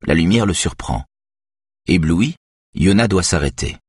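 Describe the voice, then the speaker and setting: Brief: low, husky male narrator, steady reading, dry booth sound. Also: unhurried, no echo. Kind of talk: audiobook narration.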